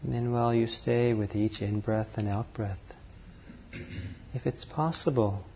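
A man leading a guided meditation, calm and unhurried, speaking in short phrases with long pauses between them. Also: medium pitch, vocal fry, a little hiss or hum. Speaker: meditation teacher.

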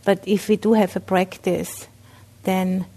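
Her warm, slightly rough voice sits in the mid range with little pitch movement. She is an Austrian Buddhist nun with an Austrian German accent, giving a halting dharma talk at a meditation center, full of fillers and restarts.

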